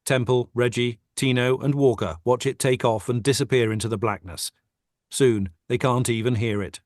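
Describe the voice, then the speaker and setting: A man's voice: mid-range voice, fairly even intonation, normal speed, darkish tone, no echo, clean studio sound. A man reading the stage directions of a script steadily and matter-of-factly in a table read over a video call.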